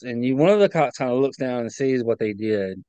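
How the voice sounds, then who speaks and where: An expressive man with a medium-pitched, dark yet clean voice testifies as a guest on a video call. He speaks earnestly, stumbling and repeating words when distressed, in a rough recording without echo.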